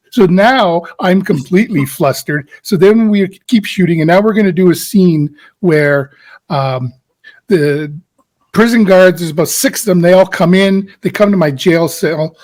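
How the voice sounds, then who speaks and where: A man's voice: high voice, measured pace, a little mellow. A middle-aged actor telling a set story in an interview, acting out his own past reactions in a frantic voice. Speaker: guest actor. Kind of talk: animated anecdote in a casual interview.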